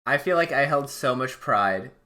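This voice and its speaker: A man co-hosting a casual podcast, playful and quick to laugh. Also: mid-range voice, expressive, bright, forceful tone. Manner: giggly, playful teasing. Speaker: podcast co-host. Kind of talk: casual chat.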